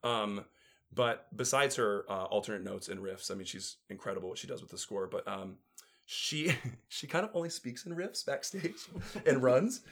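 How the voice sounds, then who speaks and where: Chatty man with a lowish voice. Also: lively intonation, moderate pace, creaky, fairly bright tone. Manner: chatty, full of fillers and restarts. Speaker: musical theatre performer, guest. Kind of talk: casual storytelling chat.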